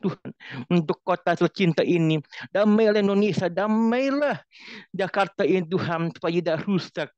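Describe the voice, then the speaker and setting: A man prays fervently and at length, calling out "Lord" again and again between pleading phrases. His voice sits a little high and comes through smooth and clear, but the video call audio is dull and narrow, with a dry, close sound. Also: moderate pace, a little mellow, no room sound. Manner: repeats "Tuhan" after nearly every phrase, pleading tone. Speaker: congregation member leading intercession. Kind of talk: fervent spontaneous prayer. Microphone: online video call.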